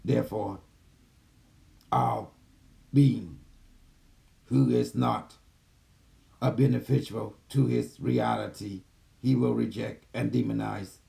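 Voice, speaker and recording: A man voicing a gentle, calm male care robot that speaks in soft, low, clipped system announcements over a video call. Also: slow pace, gravelly, pauses often. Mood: calm, mechanical. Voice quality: soft, low, even machine-like delivery. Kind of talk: channeling a machine entity on a video call.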